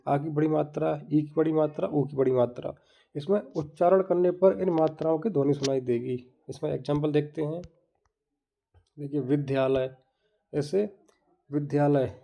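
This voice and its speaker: A man's voice: on the high side, mellow. A man teaching grammar in an exam-prep lesson, explaining step by step and repeating each term. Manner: explains step by step, repeating terms and asking the viewer to look.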